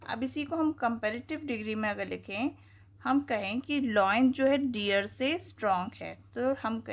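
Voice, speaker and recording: A woman teaching grammar, asking questions and answering them herself. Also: fairly high pitch. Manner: explains slowly, asking and answering her own questions. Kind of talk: classroom-style lesson.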